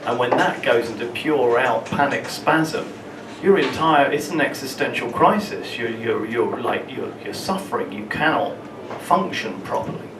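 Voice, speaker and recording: A man performs spoken-word storytelling at an open mic night, stumbling over and repeating words mid-sentence. He sounds distant from the mic, his voice bouncing around a live room with steady crowd-space murmur behind him. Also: mid-range voice. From London, England. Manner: halting, restarts and repeats words while telling his story. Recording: roomy, distant, with room ambience noise.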